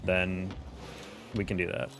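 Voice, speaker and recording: A streamer and caster chats casually with viewers while playing a game live, often exasperated and laughing. His voice is low, slow, flat and slightly bright, with vocal fry.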